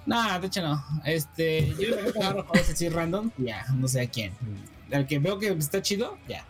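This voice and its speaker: A man's voice: on the high side, lively intonation, normal speed. Hesitant Mexican man over music. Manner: slangy, cagey and hesitant. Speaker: streamer co-host. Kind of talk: casual chat.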